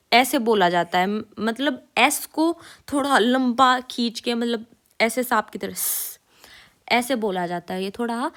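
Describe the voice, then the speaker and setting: A woman, teaching a casual lesson and repeating each sound slowly and clearly for learners. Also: a little high. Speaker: German teacher.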